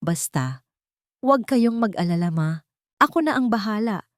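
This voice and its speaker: A man's voice: sits high, lively intonation, moderate pace, dry recording, clean studio sound, pitched above the performer's own voice. A woman narrator voicing an anxious adult son who talks with panic in his voice. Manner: urgent, pressing.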